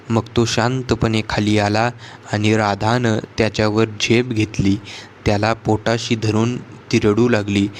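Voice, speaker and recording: A man reading a novel aloud as an audiobook narrator, in a measured way with small restarts. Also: on the low side, slight background noise.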